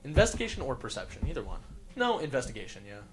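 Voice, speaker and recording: A man narrating as game master in a tabletop game, loose and relaxed with lots of fillers. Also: medium pitch, fast talker, very noisy.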